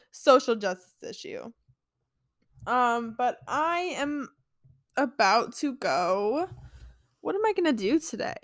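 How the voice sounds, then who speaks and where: A woman's voice: a little high, a bit bright, no room sound, clean studio sound. A young woman hosting her own podcast, talking casually and earnestly, with lots of fillers. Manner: earnest, chatty, many fillers. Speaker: podcast host. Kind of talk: casual solo podcast talk.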